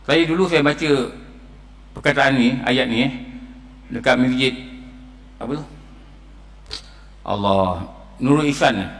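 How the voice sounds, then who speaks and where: Malaysian Malay preacher in a reverberant mosque. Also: male voice, mid-range voice, unhurried, long pauses, fairly bright tone. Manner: storytelling, quotes Quranic verses in a chanting tone. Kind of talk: mosque dawn lecture. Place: mosque hall. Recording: long reverb of a mosque hall.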